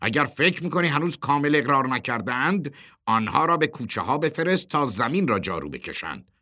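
A man voicing a bossy, gruff male leader of a porters' gang who gives curt, loud commands. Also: medium pitch, very animated, pitched above the performer's own voice. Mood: menacing.

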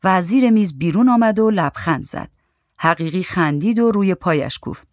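A narrator reading a short story aloud in a calm, even literary manner. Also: mid-range voice, no echo, clean studio sound.

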